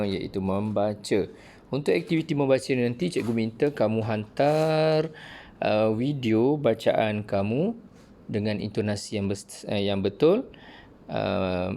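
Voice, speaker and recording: A man's voice: lowish voice, mellow. A man teaching an online primary-school lesson in a friendly way, often saying "okey" as he goes.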